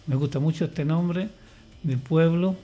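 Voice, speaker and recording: This radio guest is an older man from Chile who leads a church choir. His mellow, slightly high voice moves unhurriedly as he rambles through casual chat, hesitating often, restarting sentences and leaning on fillers.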